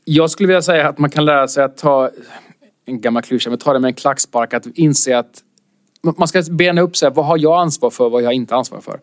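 A man, a comedian, telling an anecdote in casual chat and acting out quotes with sudden high-pitched outbursts. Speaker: comedian guest.

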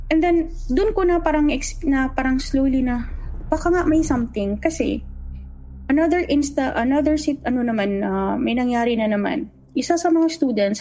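A young Filipino woman casually tells a true horror story, mixing Tagalog and English and animatedly acting out what the children said. Her voice sits high, and the audio is poor.

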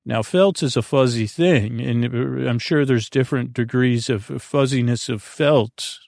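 A man hosts a sleep podcast from a small closet under the stairs, delivering a meandering, halting monologue full of stammers and trailing thoughts. His mid-range voice is creaky, droning, and a little mellow, recorded with no echo at studio quality.

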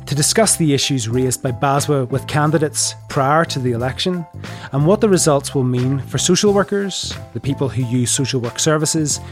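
A man with a Belfast accent, hosting a conversational interview podcast and putting questions to guests. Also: medium pitch. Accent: Northern Irish, Belfast. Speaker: podcast host.

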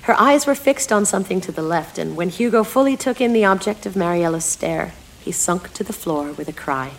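A woman's voice: fairly low pitch, lively intonation, fairly quick, a little hiss or hum. Woman reading her own story aloud.

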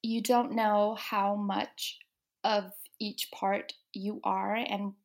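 Gravelly-voiced young woman, halting and soft. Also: medium pitch, flat delivery. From Denmark. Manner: soft-spoken, many ums and restarts. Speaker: guest author. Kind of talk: casual interview.

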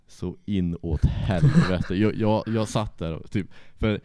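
A young man casually tells a rowdy anecdote, swearing freely and laughing through it. His voice is fairly low with a dark tone, and the recording is dry.

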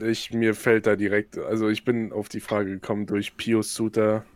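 Male co-host, lowish voice, dry close mic, lively exclamations. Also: normal speed, dry recording. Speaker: podcast co-host. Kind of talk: casual podcast chat.

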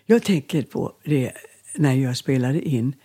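A woman's voice: rumbling low, breathy edge. An older woman from southern Sweden, a singer being interviewed, telling chatty, rambling anecdotes. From Skåne, southern Sweden. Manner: chatty, lively anecdotes, rambles and laughs easily. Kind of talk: casual storytelling.

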